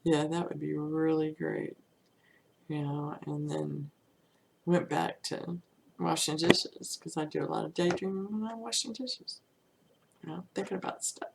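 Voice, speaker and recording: A woman's voice: deep voice, steady tone, a little slow, gravelly, background noise. A woman teaching manifestation through casual, chatty storytelling, often saying "you know" and laughing lightly.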